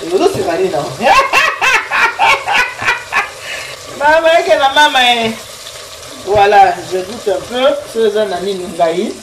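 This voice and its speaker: Chatty grandma in an echoey kitchen. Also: female voice, medium pitch, normal speed. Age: older. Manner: chatty, teasing, animated storytelling. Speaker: host, grandmother. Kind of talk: cooking show with marriage advice. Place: home kitchen. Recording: echoey room, voice from far off, faint noise.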